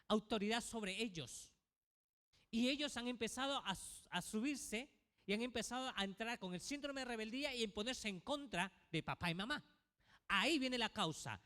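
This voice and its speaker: A man's voice: extremely high pitch, sharp tone. A male pastor preaching a sermon to his congregation, asking many rhetorical questions. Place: church. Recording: reverberant church hall.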